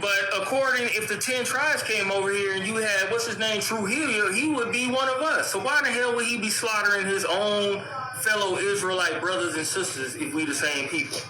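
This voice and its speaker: A man with a fairly high voice comments on a news report like a preacher, driving his points home with rhetorical questions. He sounds like he is in a reverberant room with loud background noise. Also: moderate pace. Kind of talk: casual religious commentary.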